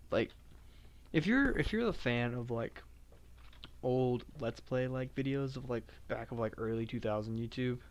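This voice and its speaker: A man live-streaming a game, chatting casually in a self-described monotone with lots of filler words. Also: mid-range voice, a little hiss or hum. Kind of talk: casual live-stream chat while playing.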